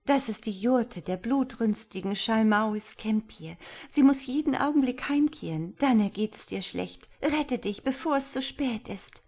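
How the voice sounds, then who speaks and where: A woman's voice: fairly high pitch, expressive, measured pace, a little mellow, pitched above the performer's own voice. A woman voicing a frightened young captive girl who pleads urgently, in a storybook reading. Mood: urgent, fearful. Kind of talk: audiobook reading.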